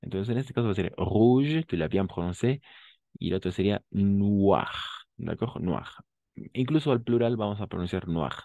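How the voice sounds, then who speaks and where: Low-voiced male French teacher, very dry sound. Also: expressive, vocal fry, mellow, no echo, lo-fi sound. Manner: patient, repeats and models words slowly, checks understanding often. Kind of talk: language class explaining pronunciation.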